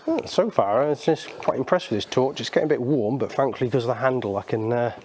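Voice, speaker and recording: A man's voice: medium pitch, expressive, fast talker, a little mellow, slight background noise. Chatty man exploring a mine. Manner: chatty, laughs often, addresses viewers as folks. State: out of breath at times. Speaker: channel host filming underground. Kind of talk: casual chat to viewers. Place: inside a large slate mine. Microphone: handheld camera mic.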